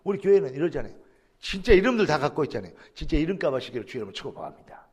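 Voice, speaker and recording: A man pastor preaches with great animation. His voice sits high and swoops widely, acting out quoted lines and rising to shouts. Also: very animated, very fast, breathy edge. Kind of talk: sermon. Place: church sanctuary.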